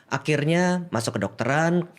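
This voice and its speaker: A man's voice: on the high side, lively intonation, moderate pace. A man, a psychiatrist guest explaining cases with examples in a casual podcast chat, laughing easily and mixing in English.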